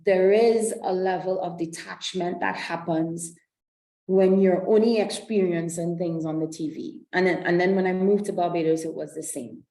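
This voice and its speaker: Woman webinar presenter from Trinidad and Tobago, low and slightly gravelly, on a video call from a roomy space. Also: fairly even intonation, moderate pace, mellow. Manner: explanatory, with frequent um and self-corrections. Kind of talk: online presentation walking through slides.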